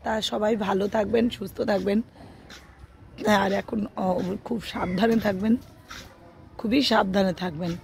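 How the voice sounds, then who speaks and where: A middle-aged woman vlogger with a cold-hoarse, gravelly voice chats softly to her viewers, drifting along with plenty of fillers. She films herself on a phone up on an outdoor rooftop, with a faint murmur of outdoor sound behind her. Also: medium pitch, steady tone, a little hiss or hum. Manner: soft, slow and chatty with many fillers. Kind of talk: casual chat to viewers.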